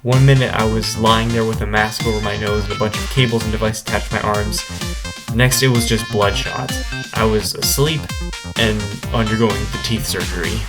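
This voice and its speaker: A man's voice: lowish voice, steady tone, moderate pace. A man vlogging, casually telling a personal story to camera in a conversational way. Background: instrumental music.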